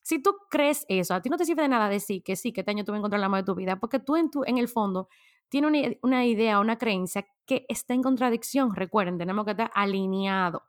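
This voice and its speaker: A woman's voice: medium pitch, expressive, quick pace. A woman giving a chatty motivational talk, addressing her audience directly and laughing often. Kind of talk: casual motivational talk to camera.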